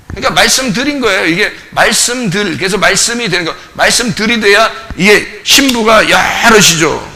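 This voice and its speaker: A man's voice: high voice, vocal fry, sharp tone, long reverb tail. A male pastor giving a conversational Bible study sermon, firing off rhetorical questions and acting out the lines he quotes. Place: church.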